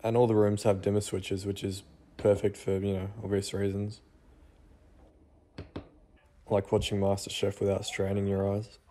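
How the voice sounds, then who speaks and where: Young Australian male vlogger, easygoing narration, low and dark-toned. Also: completely flat delivery, normal speed, pauses often. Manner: laid-back, self-deprecating. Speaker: home renovation vlogger. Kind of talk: casual voice-over walkthrough. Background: soft guitar music.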